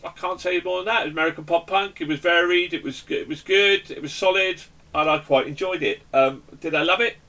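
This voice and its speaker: A man's voice: sits high, a little fast, few pauses, pushed and bright, distant mic. A man hosting a casual album review chat, jokey and rambling with lots of ums and restarts. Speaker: host of album review show.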